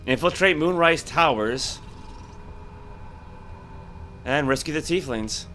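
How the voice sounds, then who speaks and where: With soft music behind him, a man thinks aloud during casual let's-play commentary, reacting to each turn as he goes. His voice is a little high, expressive and sharp-toned, and he speaks at a slow pace.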